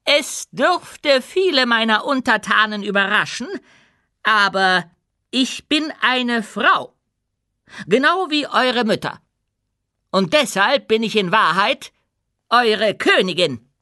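A man putting on a loud, proud dwarf queen. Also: high voice, lively intonation, slow, no room sound, studio quality, voice pushed up, heavily acted. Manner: loud, proud, rousing oratory. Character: commanding dwarf queen addressing her people. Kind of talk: audiobook character voice.

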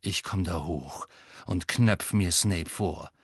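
A man reading an audiobook, voicing a loyal, hot-tempered grown man who speaks low and emphatic. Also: animated, normal speed, no echo, clean studio sound. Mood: earnest.

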